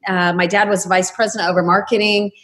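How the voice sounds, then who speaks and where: A woman's voice: medium pitch, flat delivery, fairly quick, fairly bright tone. Female guest, 50s, chatty conversational interview delivery, mid-range voice. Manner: chatty, anecdotal. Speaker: interview guest, travel agency owner. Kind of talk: casual conversational interview talk.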